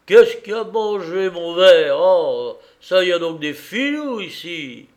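Man doing a loud drunken reveler. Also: high-pitched, lively intonation, slow, voice pushed up. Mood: drunken bluster. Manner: boisterous, raised and tipsy declamation. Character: loud drunken male reveler hunting his glass.

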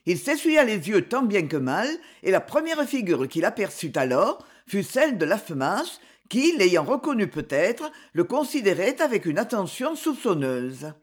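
An expressive audiobook narrator reads an old adventure novel with theatrical flair. The voice rises and falls in a lively, animated way, mid-pitched. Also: normal speed, few pauses, husky. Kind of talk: scripted narration of a historical novel.

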